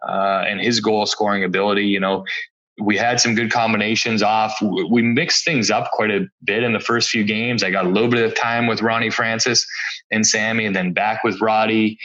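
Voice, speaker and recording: A man's voice: on the low side, level tone, moderate pace, fairly bright tone, lo-fi sound. A man in his forties, a former pro hockey player, telling easygoing anecdotes as a podcast guest. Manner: easygoing, reminiscing, chuckles between stories. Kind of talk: relaxed anecdotal interview storytelling.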